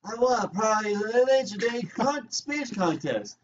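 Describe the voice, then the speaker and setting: A high, swooping, chatty cartoon animal villager, put on by a man. The game character recounts small everyday events, sounding a bit far from a dull mic. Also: expressive, unhurried. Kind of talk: game text read aloud in character. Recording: distant, dull mic with faint noise.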